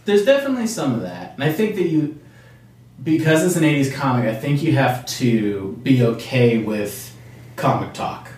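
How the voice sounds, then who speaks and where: A man's voice: mid-range voice, very animated, moderate pace, darkish tone. Man heard from afar, very echoey. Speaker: podcast co-host. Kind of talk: casual comic book chat. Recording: distant mic, very echoey room.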